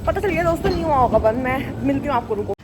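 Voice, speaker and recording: A young Indian woman vlogs her day out on city streets, chatting and joking as she films on a handheld phone. Her voice sits high, expressive and rapid-fire, over faint outdoor street noise.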